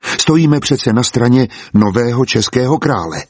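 A man's voice: mid-range voice, expressive, no room sound, lightly acted. A man voicing a hardened former executioner who speaks coldly and bluntly. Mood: cold, firm. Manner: cold, blunt. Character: hardened former executioner, steady husband, nerves of steel.

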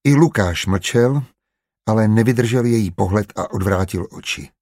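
Husky male audiobook narrator. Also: fairly low pitch, darkish tone, dry recording, studio quality.

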